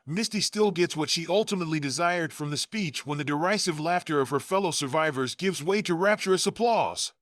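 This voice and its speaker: A man reading scripted narration for a video essay in a steady, even way. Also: sits high, dry recording, clean studio sound.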